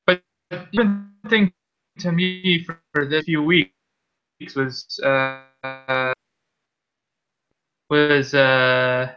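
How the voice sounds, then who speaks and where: A man leading a remote work meeting, talking in halting restarts while his call connection keeps breaking up. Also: fairly high pitch, fairly even intonation, faint music behind. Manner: halting, restarts sentences, searching for words. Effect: choppy call audio breaking up. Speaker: technical team lead. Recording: lo-fi dropping online call line.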